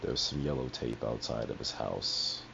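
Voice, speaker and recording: Very deep gravelly man, rambling. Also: normal speed. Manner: rambling and profane, with frequent asides. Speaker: streamer. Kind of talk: casual personal storytelling on a livestream. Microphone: headset. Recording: dull lo-fi headset audio with faint hiss.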